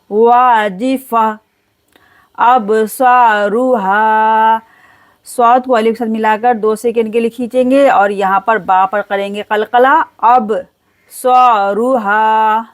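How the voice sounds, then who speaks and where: A woman teaching Quran recitation step by step, spelling out letters and then reciting each word slowly and drawn out. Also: fairly high pitch.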